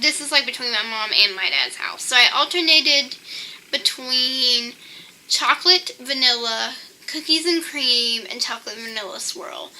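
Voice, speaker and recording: A young adult woman vlogger shares personal tips in a casual, chatty monologue, dropping "like" into her sentences constantly. Her voice sits high and sounds pushed and bright, and the audio is poor.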